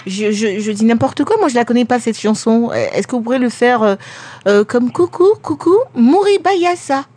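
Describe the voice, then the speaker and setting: A woman making a prank phone call from a radio studio, posing as a formal recruiter and pressing her requests with a deadpan tone. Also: on the high side, brisk.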